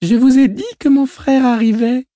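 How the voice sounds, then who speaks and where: A man reading aloud voices a small, cunning girl in a high, thin put-on voice for an audiobook. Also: steady tone, moderate pace, dark tone, no echo. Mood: sly.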